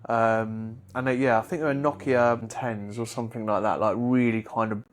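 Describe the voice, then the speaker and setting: A man in his late thirties chatting on a podcast with a mate. He swears freely and his voice shoots up high whenever he gets worked up in an argument. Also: steady tone, normal speed, slight background noise. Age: 30s. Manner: sweary, jumps to a high pitch when arguing. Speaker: podcast co-host. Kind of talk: casual chat.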